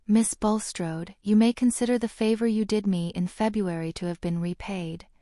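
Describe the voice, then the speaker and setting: A woman's voice: mid-range voice, normal speed, mellow, no echo, studio quality, natural voice. A woman voicing a haughty young aristocratic schoolboy who speaks in a bored, drawling sneer, as in an audiobook. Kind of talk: audiobook character reading.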